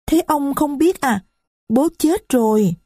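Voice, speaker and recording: A woman's voice: sits high, lively intonation, slow, dark tone, no echo, studio quality, voice pushed up. A woman voicing a shy, polite little girl in an audio story, with a timid, childlike manner. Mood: innocent. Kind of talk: audiobook reading.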